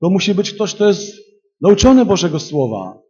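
This lo-fi clip captures a man giving a charismatic sermon to a congregation gathered in a church hall. His high voice swings widely in pitch at a moderate pace, surging to loud, emphatic moments and then settling into hushed storytelling.

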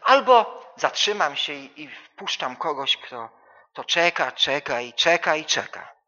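A man preaching a sermon, full of rhetorical questions and repetition, swinging from soft to loud. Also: fairly high pitch, animated, unhurried, highs cut off.

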